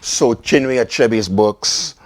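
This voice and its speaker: A man's voice: mid-range voice, takes it slowly, no room sound. A man from Trinidad and Tobago, a bookstore owner, answering interview questions in an earnest, grateful way. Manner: earnest, grateful, speaks in short flowing phrases. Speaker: bookstore owner, award recipient.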